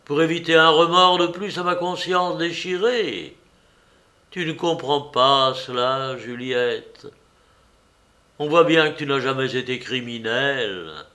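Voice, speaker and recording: Tormented young nobleman, loud and impassioned, slow storybook delivery, put on by a male reader. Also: mid-range voice, lightly acted. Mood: vehement. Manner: vehement, impassioned outbursts.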